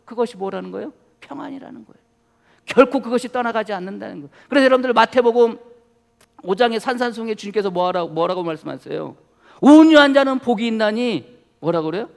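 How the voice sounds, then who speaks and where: A man preaching a Sunday sermon as pastor, telling a personal story and asking the congregation questions in an animated way. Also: high-pitched, quick pace, gravelly. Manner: animated, asks congregation questions, quotes scripture. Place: church sanctuary. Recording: church hall reverb.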